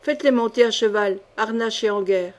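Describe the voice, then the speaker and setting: A woman's voice: on the high side, brisk, close to an everyday voice. A woman voicing a brusque, furious medieval duke who barks curt orders at his men in an audiobook. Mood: commanding.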